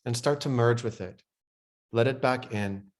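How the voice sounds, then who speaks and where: A man leading a guided breathwork meditation, speaking slow, soothing instructions that grow softer and quieter in the relaxation passages. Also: mid-range voice.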